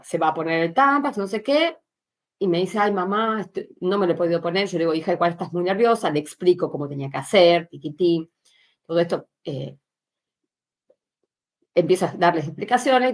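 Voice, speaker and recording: Chatty lower-voiced woman. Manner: candid, chatty, addresses listeners directly, frequent filler sounds. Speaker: pelvic floor specialist. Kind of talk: informal workshop talk.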